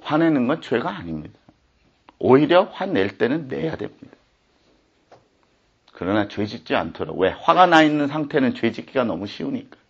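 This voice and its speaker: A man's voice: mid-range voice, big pitch swings, normal speed, long pauses, slightly rough, muffled recording. A man preaching a sermon as pastor, speaking in an indignant, impassioned way.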